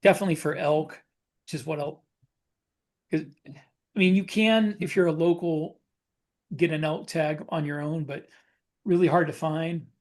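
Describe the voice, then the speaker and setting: On a podcast he co-hosts, a man with a somewhat high, darkish voice rambles casually through personal stories. His intonation stays fairly even, and he frequently stops to correct himself mid-thought.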